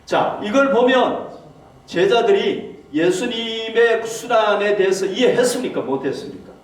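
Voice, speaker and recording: A male pastor preaches in a high, animated voice that swings widely in pitch. He keeps asking his congregation rhetorical questions. He is heard from some distance, and the church hall rings with heavy echo. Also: measured pace. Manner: acts out quoted speech in a raised voice. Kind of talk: sermon. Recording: very echoey hall, mic far off.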